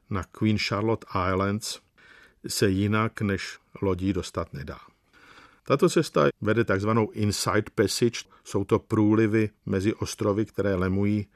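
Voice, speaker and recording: A man with a low voice telling travel stories, unhurried and wry, lingering on details. The sound is dry and close, with no room in it. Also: no room sound. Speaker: storyteller. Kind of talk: anecdotal travel storytelling.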